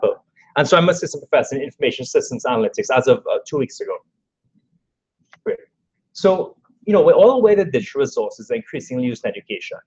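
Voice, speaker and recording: A man with a Trinidadian accent explains his research at a workshop, his pitch rising and falling with lively energy. His voice has a husky edge, and the recording is dull and lo-fi. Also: quick pace. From Trinidad and Tobago. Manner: lively explanatory talk with frequent "you know" and "kind of". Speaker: assistant professor giving a research talk. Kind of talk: academic workshop talk. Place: lecture room at a workshop.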